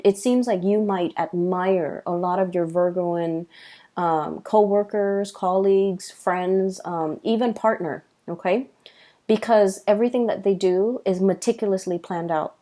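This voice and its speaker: A woman giving a tarot reading late at night, tired and halting, with many fillers and restarts. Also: medium pitch, dark tone. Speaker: tarot reader.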